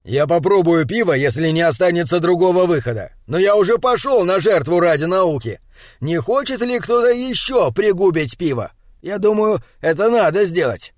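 A man reading an audiobook, voicing a calm, curious male writer who explains things in a measured, insistent way. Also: high voice, no echo, studio quality. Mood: eager. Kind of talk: audiobook character dialogue.

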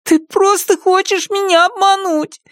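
A man's voice: very high-pitched, fairly even intonation, a little slow, a bit bright, no echo, studio quality, voice pushed up. A man reading aloud and voicing a frightened, tearful little boy. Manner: tearful, panicky. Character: frightened small boy holding a grenade.

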